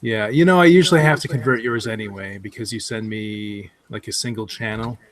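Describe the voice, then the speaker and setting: A man's voice: lowish voice, brisk. A man co-hosting a podcast in casual chat. He is laid-back and laughs easily. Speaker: podcast co-host.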